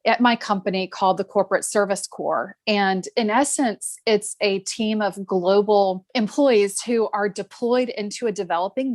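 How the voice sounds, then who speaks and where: A woman speaking as a podcast guest, telling her story in a thoughtful, earnest, measured way. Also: mid-range voice, dry recording. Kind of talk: reflective interview storytelling.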